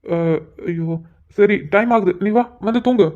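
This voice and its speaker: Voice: medium pitch, measured pace, lightly acted. Brief: performer doing a flustered cartoon husband, exasperated and pleading, dull lo-fi audio. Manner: exasperated, pleading, sighing asides. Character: flustered young married man, patient and exasperated.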